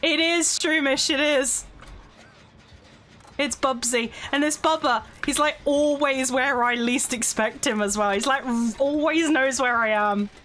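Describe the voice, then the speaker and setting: A woman streaming a video game, talking casually as she plays, excitable and quick to swear. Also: high-pitched, a little hiss or hum. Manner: excitable, swears and laughs often. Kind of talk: casual gameplay commentary.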